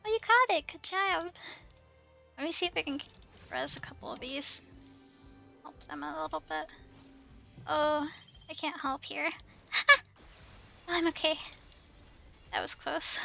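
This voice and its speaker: Speaking slowly with vocal fry and frequent pauses, a woman with a high, bright, forceful voice livestreams a game. She gives casual, giggly commentary to herself and gets flustered easily, with background music playing.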